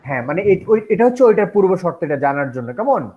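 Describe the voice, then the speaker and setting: A man's voice: high voice, very animated, rapid-fire, lo-fi sound. A man teaching an English phonetics class, switching between Bengali and English and often asking whether the students follow. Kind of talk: classroom lecture.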